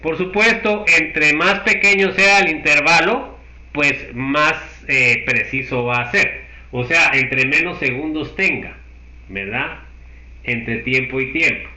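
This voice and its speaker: A man's voice: a little high, takes it slowly, pushed and bright. A man teaching a university chemistry class. He works through each step and keeps checking that the class follows. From Guatemala. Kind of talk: university lecture. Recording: echoey room.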